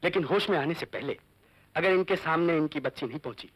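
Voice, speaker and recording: An actor playing a grave doctor who gives serious news in a measured way, in 1970s Hindi film style. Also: male voice, fairly high pitch, fairly bright tone, husky, low-quality recording.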